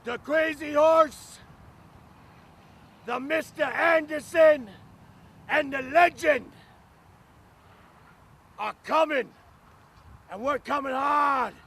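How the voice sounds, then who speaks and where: A man delivering a wrestling promo with menacing, drawn-out threats in a gravelly voice. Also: extremely high pitch, fairly bright tone. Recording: clear background noise.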